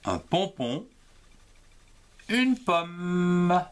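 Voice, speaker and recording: A man gives a reading lesson at a very slow, deliberate pace. He spells out each letter before blending it into a syllable. His pitch swings widely in a sing-song pattern that climbs on the letters and drops on the finished word. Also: very animated, smooth. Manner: slow, sing-song teacher voice, rising on letters and falling on words. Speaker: reading teacher.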